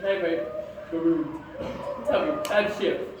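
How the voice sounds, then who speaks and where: A man's voice: on the high side, a little slow, close to an everyday voice. A man playing a ragged, half-mad castaway in a live stage play, rambling jittery and calling himself by name. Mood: eager. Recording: echoey hall from far off, faint background noise.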